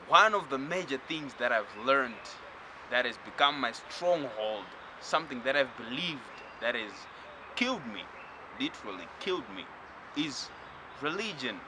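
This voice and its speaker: Zimbabwean man giving a slow reflective lecture. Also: medium pitch, noisy background. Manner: slow, reflective, addressing listener directly. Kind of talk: spoken spiritual lecture.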